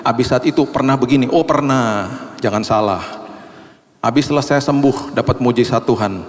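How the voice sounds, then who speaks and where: A man preaching a sermon as pastor, telling personal stories with emotion, his voice climbing high when he stresses a point. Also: moderate pace. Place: large church hall. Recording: long reverb of a church hall.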